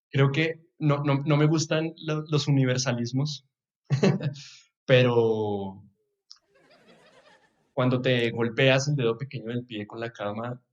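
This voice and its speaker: A young Colombian man from Bogotá muses aloud in a casual podcast chat, with a Bogotá accent and soft chuckles. His voice sits mid-range. The recording has a somewhat dull, lo-fi quality. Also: mid-range voice, fairly even intonation, takes it slowly, pauses often. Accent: Bogotá Colombian Spanish. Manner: reflective, chuckles often, trails off with soft asides. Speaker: podcast guest.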